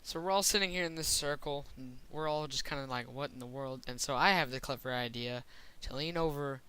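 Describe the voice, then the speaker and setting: A young man telling a rambling, excitable story in a casual vlog, full of fillers. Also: on the high side, fairly quick, clear, resonant tone, rough recording. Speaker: vlogger.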